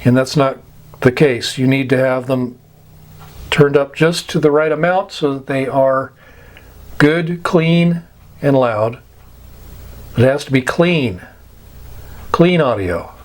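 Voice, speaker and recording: Delivering an informal lecture that explains things, a radio instructor from the United States talks in a mid-range voice. His phrasing is short and halting, deliberate, with repeated words to stress points.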